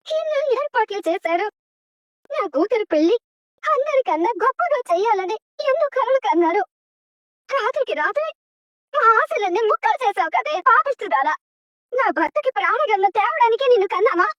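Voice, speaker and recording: A woman's voice: extremely high pitch, sing-song, moderate pace, dry recording, muffled recording, heavily acted. An actress playing a furious middle-aged mother who scolds and disowns her daughter in a TV serial drama. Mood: bitter. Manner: scolding, bitter, loud. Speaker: mother of the bride.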